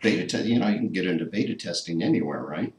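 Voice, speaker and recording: Deep-voiced wry male interviewer. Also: expressive, quick pace, darkish tone. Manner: wry, teasing questions. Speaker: interviewer host. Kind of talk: casual interview. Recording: echoey room with faint noise.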